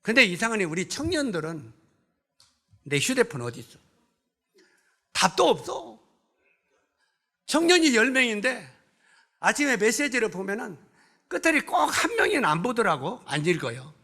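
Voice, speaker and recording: A man's voice: sits high, sing-song, normal speed, long pauses, bright, forceful tone. A male pastor preaching in a church. He keeps putting rhetorical questions to the congregation and scolds bluntly with humor. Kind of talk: sermon. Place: church sanctuary.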